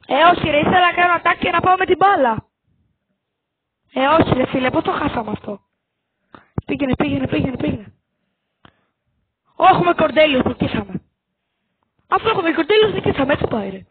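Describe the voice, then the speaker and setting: A very high, piping voice comes through thin, tinny audio that sounds like a phone line. The speaker gives live commentary while playing, excitable and quick to exclaim, shouting orders to teammates and repeating the same phrases again and again. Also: noisy background. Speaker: gamer.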